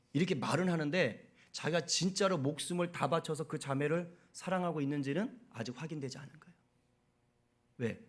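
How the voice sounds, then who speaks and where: A man delivering a sermon from the pulpit with a slightly raised, clear voice. He keeps turning to the congregation with questions and answers them himself. His delivery grows loud and insistent as he drives each point home. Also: fairly high pitch. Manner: builds to loud, emphatic preaching. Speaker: pastor.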